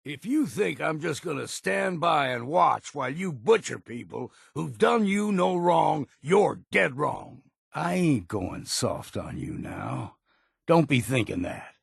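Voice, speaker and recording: An actor playing a gruff, stubborn old seafarer in a video game, with a gravelly, raspy voice and a plain-spoken, folksy, weary but loyal manner. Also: male voice, a little high, expressive, slow pace, dry recording, clean studio sound, exaggerated voice. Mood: indignant, stern. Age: older. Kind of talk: video game character dialogue.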